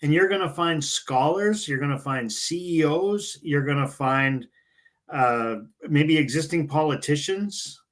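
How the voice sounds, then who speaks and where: Man, podcast co-host, halting casual talk, lots of fillers, slightly higher voice. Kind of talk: casual political chat.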